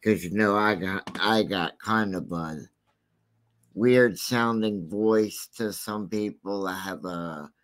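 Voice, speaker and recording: A true crime channel host, this man has a deep, scratchy voice and speaks slowly in a casual, rambling way, full of fillers.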